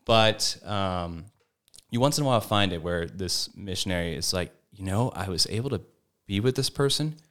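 A man speaking as a formator on a podcast panel, giving reflective, searching answers with many pauses and restarts. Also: low voice, lively intonation, a bit bright.

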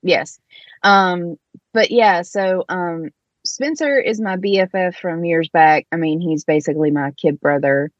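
A woman's voice: lowish voice, measured pace, dry recording. A woman co-hosting a casual podcast chat, her voice coming through tinny and tin-can-like from a bad connection, with teasing, dry banter. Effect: tinny tin-can sound from a bad connection. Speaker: podcast co-host.

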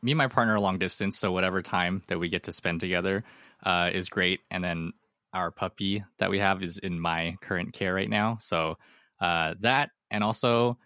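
Deep-voiced eager teacher guest. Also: male voice, fairly even intonation, moderate pace, pushed and bright, no echo, studio quality. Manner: eager, rambling storyteller. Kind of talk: casual interview chat.

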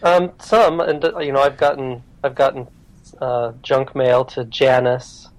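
A man who is a guest on a podcast, talking in a relaxed, self-deprecating way with many fillers. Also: medium pitch, unhurried, rough recording. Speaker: podcast guest, programmer and writer. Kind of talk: casual interview chat.

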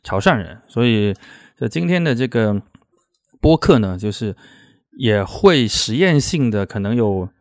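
A man with a Chaoshan Teochew accent, a native Teochew speaker, hosts a casual interview and talks haltingly, often repeating words. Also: on the low side, animated, no echo, studio quality. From Chaoshan, southern China. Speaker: podcast host.

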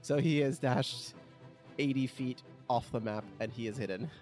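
A man playing a tabletop game, excitable and quick to exclaim and laugh. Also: mid-range voice, soft background music. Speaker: player.

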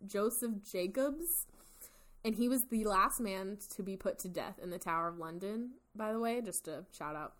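A woman's voice: mid-range voice, normal speed, fairly bright tone, a little hiss or hum. A woman hosting a casual true-crime show, reading from notes in an informal, giggly way. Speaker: podcast host.

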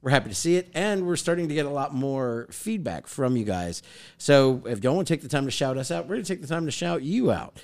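A man's voice: medium pitch, sing-song, a little fast. A man co-hosting a sports podcast, joking around and reading out viewer comments. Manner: upbeat, jokey, reads out viewer comments. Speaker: podcast co-host. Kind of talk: casual sports podcast chat.

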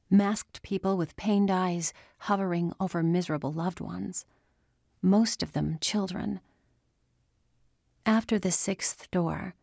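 A woman reads a novel aloud in a steady, unhurried voice, pitched on the low side. The sound is close and dry with no room around it. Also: vocal fry, no room sound. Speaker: narrator. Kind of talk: audiobook narration.

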